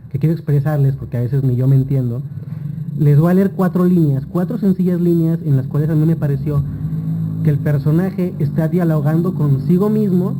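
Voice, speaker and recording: A man's voice: fairly high pitch, very noisy. A man presenting a book at a launch event, speaking persuasively and straight to the audience. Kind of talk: promotional talk at a book launch. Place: festival event before a live audience.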